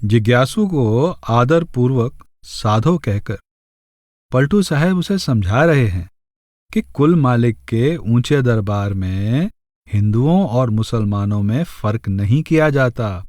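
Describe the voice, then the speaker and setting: A man narrating a spiritual audiobook in a measured way, reciting verses slowly in a chanting cadence. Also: medium pitch, lively intonation, a little mellow, dry recording, studio quality.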